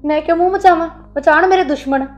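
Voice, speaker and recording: A woman's voice: extremely high pitch, fast, soft background music. A woman playing an aggrieved young wife who complains about her sister-in-law. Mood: indignant. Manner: complaining, indignant. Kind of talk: Punjabi family sketch acting.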